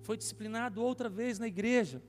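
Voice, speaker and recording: A man's voice: very high voice, brisk. A man preaching as a pastor, telling a story with emotion and rising intensity at its peaks. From Brazil. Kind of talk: sermon testimony. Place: church hall. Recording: reverberant church hall with soft music.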